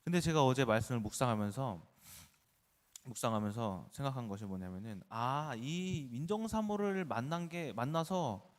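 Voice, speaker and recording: A man's voice: mid-range voice, animated, normal speed, long reverb tail. A man in his thirties, a pastor, preaching an early-morning sermon in a conversational way, with personal stories and questions to the congregation. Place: church sanctuary.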